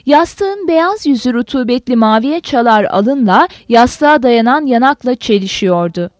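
A woman gives an expressive audiobook reading of a novel, her high voice rising and falling widely. The sound is dry and close to the mic, with no room around it. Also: no room sound. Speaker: narrator.

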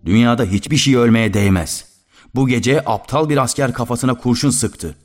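A man voicing a stern army major who lectures his soldiers in a loud, commanding way. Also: mid-range voice, moderate pace, soft background music, lightly acted.

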